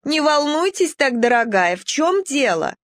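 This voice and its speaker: A woman's voice: sits high, lively intonation, takes it slowly, a bit bright, dry recording, voice pushed up, exaggerated voice. Woman doing a prim, genteel dachshund lady. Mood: sugary. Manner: sugary, genteel, then yelping. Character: long elegant prim female dachshund.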